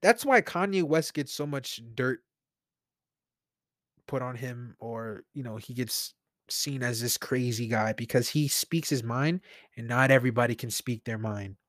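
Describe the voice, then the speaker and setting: Alone in his room, a man hosts a solo podcast, wearing headphones and thinking aloud into a studio mic in a rambling, conversational way. His voice is mid-range, fairly bright and a little slow. The sound is clean studio quality with no echo.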